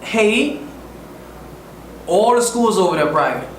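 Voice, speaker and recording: Taking things slowly, a Bahamian musician guest with a high-sitting voice and lively intonation speaks earnestly and emphatically in a casual interview. He uses slang in his Bahamian accent, and the audio is echoey, distant, and faintly noisy.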